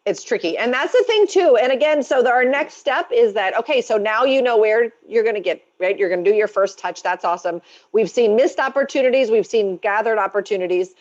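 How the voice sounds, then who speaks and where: A woman's voice: a little high, animated, fairly quick, darkish tone. A woman co-hosting an online real estate training, coaching her audience in an upbeat, encouraging way. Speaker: real estate team leader and co-host. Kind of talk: coaching webinar. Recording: dull lo-fi video call.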